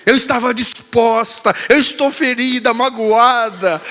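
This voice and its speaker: A man's voice: extremely high pitch, unhurried, pushed and bright, big-room sound, pitched above the performer's own voice, heavily acted. A man voicing his sulky young daughter, hurt and dramatic, pleading in a wounded, theatrical way.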